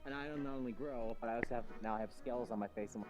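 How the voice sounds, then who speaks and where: A man's voice: medium pitch, quick pace, music in the background. A man playing a dragon-like character in a voice-chat role-play, earnest and rambling, often restarting his sentences. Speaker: player voicing a dragon-like character.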